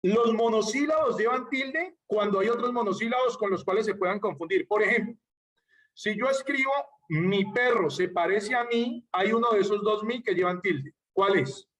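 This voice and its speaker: Male writing teacher, higher voice, online lecture, mic a bit distant. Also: normal speed, fairly bright tone. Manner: explains patiently with spoken examples, checks in with "¿ya?".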